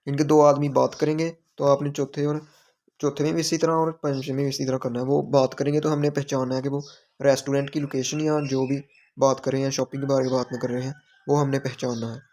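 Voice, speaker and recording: A man's voice: mid-range voice, little pitch movement, fairly quick, a little mellow. A man teaching a language lesson, patiently explaining exam questions and repeating phrases and word meanings.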